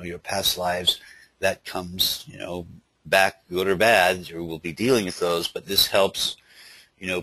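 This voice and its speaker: A man with a lisp giving an informal spoken teaching in a halting, loosely worded way, as a Buddhist teacher. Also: low-pitched, sharp tone, slightly rough, low-quality recording. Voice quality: lisp from dental problems.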